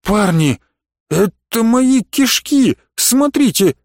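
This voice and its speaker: A man voicing a panicked, wounded male mercenary in an audiobook, crying out in a high, strained voice. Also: animated, takes it slowly, no room sound, studio quality, heavily acted.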